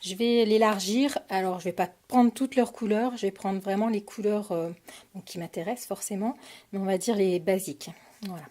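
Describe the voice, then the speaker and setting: A woman's voice: medium pitch, moderate pace, mellow. A French woman casually showing her craft supply purchases on camera, talking with many hesitations and fillers. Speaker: crafting vlogger. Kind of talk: casual product haul.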